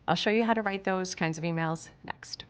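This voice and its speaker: A woman's voice: lowish voice, a little fast, smooth. A woman from Switzerland narrating a sales course in an upbeat, emphatic coaching manner, speaking straight to the viewer. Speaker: sales instructor.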